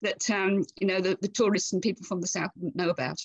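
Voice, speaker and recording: A woman guest on a podcast, chatty and full of laughter, telling lively anecdotes. Her voice is breathy and a little husky. The sound is dry, with no room around her. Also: fairly low pitch, quick pace, no room sound, lo-fi sound. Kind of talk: casual interview chat.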